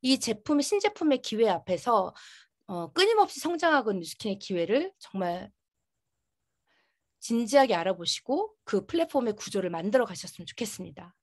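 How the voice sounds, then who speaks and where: A woman's voice: on the high side, very animated, brisk. A woman giving an earnest, emphatic motivational business presentation, her articulation slightly impeded by a dental retainer. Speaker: network marketing business presenter.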